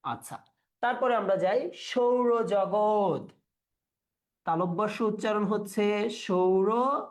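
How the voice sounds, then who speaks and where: Guy teaching online exam prep, asks the class questions, says words over n over slowly. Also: high voice. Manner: quizzes students, repeats words slowly to drill pronunciation.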